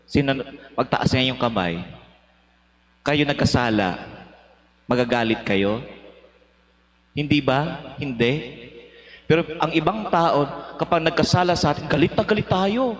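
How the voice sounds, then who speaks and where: A man with a fairly high voice preaches a homily in a large church, his words trailing off into a long, lingering reverb. As a priest, he keeps firing rhetorical questions at the congregation and answering them in one word himself. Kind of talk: homily at Mass.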